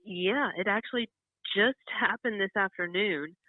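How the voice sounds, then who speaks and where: A woman from North Carolina heard over a narrow, tinny telephone line, dry with no room sound. She talks in a loose, chatty way, often laughing between thoughts, at an ordinary mid-range pitch. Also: unhurried, no echo. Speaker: country singer interviewed as a guest. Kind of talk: casual phone interview. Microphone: phone.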